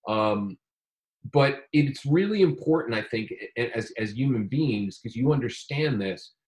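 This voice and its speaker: A man talking casually about his day trading, animated and rambling, with frequent restarts. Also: medium pitch, measured pace. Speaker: day trader. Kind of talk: casual conversation.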